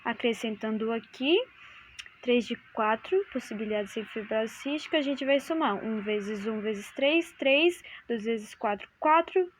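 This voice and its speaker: A woman's voice: on the high side, a little slow, a little hiss or hum. A teenage girl explaining a genetics exercise and thinking aloud as she writes. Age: late teens. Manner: thinks aloud while writing, hesitant. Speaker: student explaining a genetics problem. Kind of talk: improvised homework explanation.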